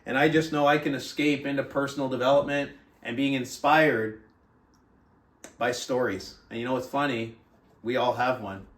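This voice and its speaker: Hosting a motivational book club, this man speaks at normal speed with a medium pitch, fairly even intonation, and a fairly bright tone. He switches between chatting earnestly with listeners and reading passages aloud, often adding "right?". The audio has roomy echo from a distant mic.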